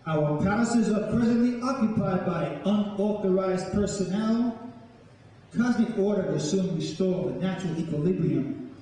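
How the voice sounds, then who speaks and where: A middle-aged or older spoken word poet from the South Bronx, New York, gives a spoken introduction and then a dramatic live recitation in a large indoor hall before an audience. His voice is high-pitched and mellow, with lively intonation, and his phrasing is declamatory, solemn, and deliberate. The recording is echoey, captured from a distant microphone.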